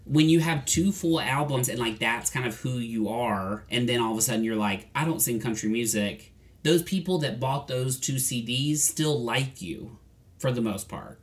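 A man's voice: medium pitch, lively intonation, moderate pace. A man co-hosting a casual podcast chat about pop music, rambling with lots of fillers and restarts. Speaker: podcast co-host.

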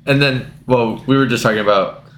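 A man's voice: mid-range voice, a little fast, fairly bright tone. A man chatting casually about a film on a podcast, giving hesitant answers and short agreements. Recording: roomy echo with faint noise.

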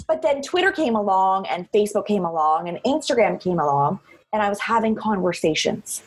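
An outgoing woman chats in an interview. Her voice has a husky edge, and she leans on repeated phrases to press her points. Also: mid-range voice, expressive, brisk, poor audio. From Cape Breton, Canada. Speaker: interview guest, social media marketer. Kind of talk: conversational interview.

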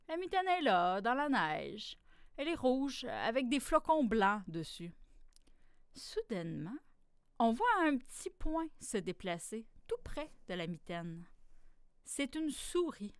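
Woman reading a kids' story, slow and very lively in tone, close dry mic. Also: fairly high pitch, no room sound. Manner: slow, expressive read-aloud. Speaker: podcast host and storyteller. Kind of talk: storytelling for children.

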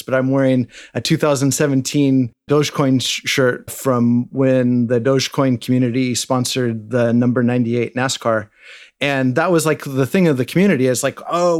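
A middle-aged man hosting a podcast, chatting casually and telling rambling stories. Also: mid-range voice. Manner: rambling, animated storytelling. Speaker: podcast host. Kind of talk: casual chat.

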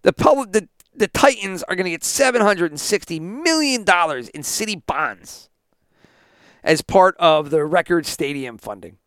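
A man's voice: high voice, animated, normal speed, a bit bright, clear, resonant tone, no room sound. Male podcast host, profane sarcastic ranter, resonant tone, dry room. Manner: indignant, swearing, sarcastic. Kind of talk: profane ranting sports podcast.

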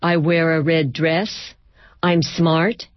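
A woman's voice: deep voice, steady tone, slow pace, no room sound, highs cut off. A woman voicing a feisty, self-assured little comic-book girl with a plucky, pleading, indignant way of talking. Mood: proud, plucky.

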